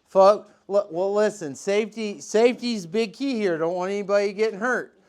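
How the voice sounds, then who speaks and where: A man's voice: high-pitched, normal speed. A man hosting a shop vlog, joking and laughing with his crew while he directs the work. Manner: jokey, laughing, excitable. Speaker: vlog host working with a crew. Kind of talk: casual shop talk. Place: shop and yard, outdoors at times. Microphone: worn mic he is unsure picks him up.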